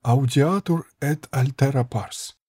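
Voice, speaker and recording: A man voicing a calm young monk who speaks quietly and gently, with a slight stammer. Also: mid-range voice, slow, husky, no room sound, pitched above the performer's own voice. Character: calm young monk Tomas, soft-spoken.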